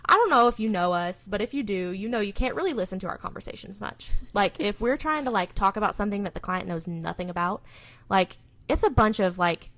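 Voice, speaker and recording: A woman's voice: medium pitch, animated, a little fast, fairly bright tone. Casting: young woman, salon owner co-hosting a chatty podcast, rambling delivery. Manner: rambling, filler-heavy. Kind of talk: casual chat.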